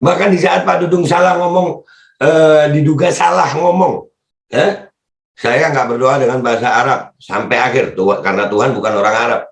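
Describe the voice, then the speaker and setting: A man giving casual, mocking commentary while he reads out comments. His voice leaps up high when he teases, and he laughs often. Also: normal speed, gravelly, roomy sound. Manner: mocking, laughs often, pitch jumps up sharply. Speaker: political commentary vlogger reading comments. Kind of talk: casual Jakarta-slang commentary.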